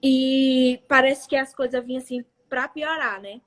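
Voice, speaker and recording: A young Brazilian woman, a missionary, giving an emotional church testimony, halting and repeating herself as she speaks. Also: sits high, steady tone. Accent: Brazilian Portuguese. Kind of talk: testimony talk at a church live event.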